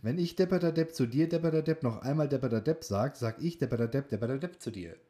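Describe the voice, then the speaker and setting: Speaking fast and animatedly in a mellow, mid-range voice, a man trades informal jokes with his podcast partner. He attends a speech training class, and the relaxed conversation features a tongue-twister game.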